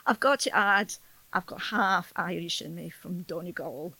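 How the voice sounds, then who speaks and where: A woman's voice: fairly low pitch, normal speed, sharp tone, slightly rough, dry recording. Chatty Scottish woman in her sixties. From Scotland. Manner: chatty, laughs often, self-deprecating. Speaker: storyteller guest. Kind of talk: casual podcast conversation.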